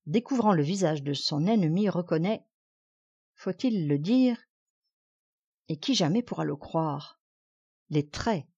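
A woman narrating an audiobook with a measured, expressive reading. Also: lowish voice, slightly rough. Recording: dull lo-fi recording.

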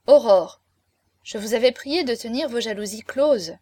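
A woman's voice: a little high, normal speed, mellow, no echo, lightly acted. A woman doing a grave, fatherly swordsman. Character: grave fatherly swordsman, middle-aged man.

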